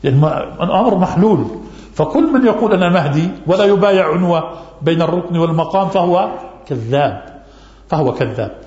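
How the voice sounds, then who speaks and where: A male religious scholar answers listeners' questions at a rapid pace in a rather high voice. He repeats key phrases to drive his points home. The recording is roomy and dull, like lo-fi audio of a lesson. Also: lively intonation, darkish tone.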